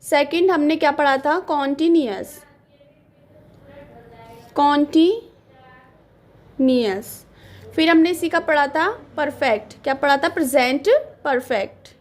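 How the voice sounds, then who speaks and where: High-pitched female teacher, patient and repetitive, drawing words out slowly for a classroom grammar lesson. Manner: patient, repeats words slowly while writing.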